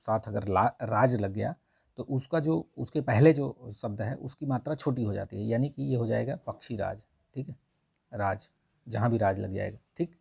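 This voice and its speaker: A man's voice: medium pitch, moderate pace, creaky, a little mellow, husky. A man working through exam questions in a casual lesson, repeating checks with his listeners as he goes. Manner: conversational, repeats "ठीक है" often. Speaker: exam prep tutor. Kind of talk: casual lesson explaining test answers.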